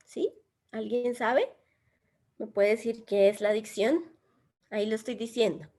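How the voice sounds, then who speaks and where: A middle-aged woman leads a job-skills workshop. Her voice sits slightly high, and she speaks in an animated, expressive way, often turning questions to the group. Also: measured pace. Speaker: employability workshop trainer and former recruiter. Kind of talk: lively instructional talk to a class.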